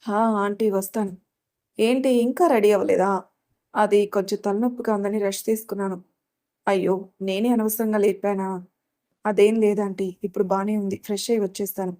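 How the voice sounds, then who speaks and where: Woman playing a soft-spoken, fearful young wife. Storybook. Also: mid-range voice, fairly even intonation, brisk, natural voice. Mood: timid. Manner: soft, hesitant.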